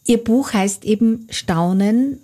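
Mellow-voiced woman interviewer. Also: fairly high pitch, slow. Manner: attentive, asks long careful questions. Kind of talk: interview questions.

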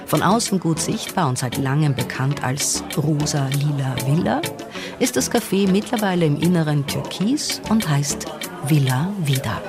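Low-voiced woman reading a news feature. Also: normal speed, over music. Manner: even, composed reading. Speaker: radio reporter. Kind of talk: scripted news narration.

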